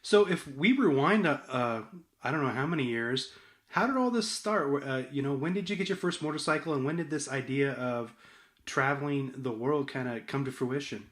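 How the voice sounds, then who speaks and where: A man's voice: medium pitch, normal speed, fairly bright tone. A man with a mid-range voice hosts a podcast interview. He asks friendly, loosely worded questions in an easy, conversational way. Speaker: podcast host.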